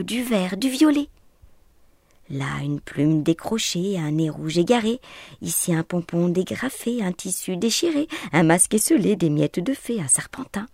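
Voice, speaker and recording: A woman reading a children's story aloud in a soft, playful way, often dropping to a whisper. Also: fairly low pitch, creaky, slightly rough, no echo, clean studio sound.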